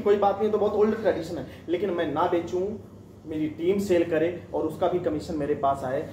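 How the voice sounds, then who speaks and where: A man's voice: high-pitched, darkish tone, slight background noise. A man in his late twenties giving an emphatic motivational sales training talk, firing repeated questions at his audience in a meeting room of a restaurant. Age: 20s. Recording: echoey room, mic at a distance.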